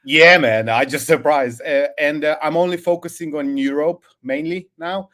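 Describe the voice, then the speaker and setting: This caller, a Hungarian man who recently started an agency, asks his questions in a pushed, bright voice that is a little high, at a moderate pace. He hesitates a lot, using many fillers and restarting his sentences.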